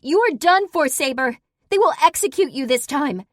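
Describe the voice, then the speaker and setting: A grieving young woman, hysterical, shrieking high, near to breaking. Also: big pitch swings, moderate pace, a little mellow, dry recording, clean studio sound. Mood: screaming. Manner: shrieking, sobbing.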